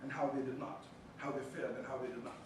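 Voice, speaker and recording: A man from Palestine with a heavy Arabic accent speaks fast in a steady, mid-range voice. A university chaplain, he gives a seminar lecture in a lecture room, adding jokey, teasing asides. The recording is echoey, with a distant mic and background noise.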